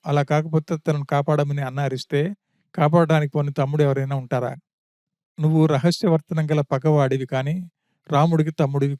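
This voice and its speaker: A man's voice: a little high, mellow, no room sound, studio quality, natural voice. A man voicing a frightened young princess who accuses her brother-in-law, quoted in an audiobook of an epic.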